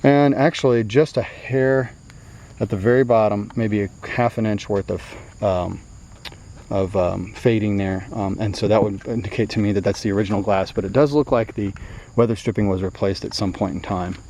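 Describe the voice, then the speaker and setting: Outdoors beside an old car, a man speaks at normal speed in a lowish voice with fairly even intonation. He's a classic car dealer giving a relaxed walkaround commentary, rambling and full of fillers, against loud outdoor noise.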